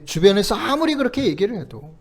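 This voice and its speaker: A male pastor delivers a sermon in a high, lively voice that swoops up and down. A gravelly edge runs under his earnest delivery as he reads scripture aloud and explains it with soft, coaxing sentence endings. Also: quick pace. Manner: earnest preaching, quotes scripture with rising emphasis; gently coaxing, ends sentences with soft "거든요" and "요".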